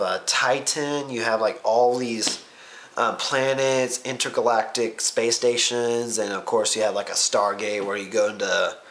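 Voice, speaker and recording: A man's voice: medium pitch, fairly bright tone. A young man talks through a casual vlog recap, rambling loosely and full of ums. He swears offhandedly and keeps jumping from one thought to the next. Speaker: vlogger.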